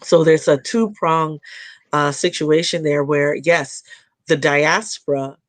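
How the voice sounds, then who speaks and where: Speaking as a guest on a casual podcast, a woman with a low, steady voice talks in a halting, thoughtful way, often using fillers and starting over. There's no echo.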